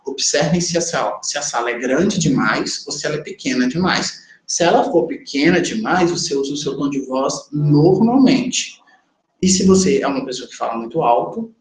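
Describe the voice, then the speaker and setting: A Brazilian Portuguese-speaking man teaching a class on sign language interpreting in a conversational lecture style, talking straight to his students and checking in with them. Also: fairly high pitch. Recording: echoey classroom with faint ambience.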